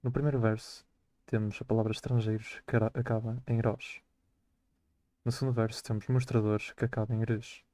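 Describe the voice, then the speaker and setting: Teen boy, school poem analysis, monotone and mellow, dry close sound. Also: on the low side, a little fast, no room sound. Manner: flat, careful reading with hesitant restarts. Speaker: student presenting a poem. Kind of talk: poetry reading and school analysis.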